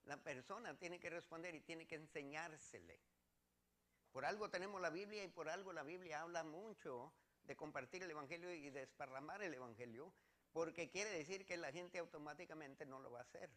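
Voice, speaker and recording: A man's voice: on the high side, moderate pace, fairly bright tone. A man from Mexico, preaching a sermon as pastor and reading scripture verses with earnest repetition.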